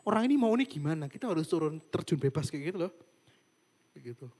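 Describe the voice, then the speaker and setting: A young man preaches informally to a youth group on a video call. His voice sits a little high for a man, and he talks in a chatty, loose way, full of fillers. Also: expressive, fast talker, darkish tone, breathy edge. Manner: chatty, fillers and english words. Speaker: youth devotional speaker. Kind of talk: casual sermon over video call.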